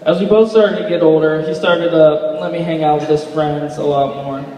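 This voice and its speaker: A young man giving a rambling, sentimental best man speech, informal and hesitant, pausing and repeating himself. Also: fairly high pitch, steady tone, mellow, muffled recording. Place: large reverberant indoor reception room. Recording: echoey hall, distant microphone.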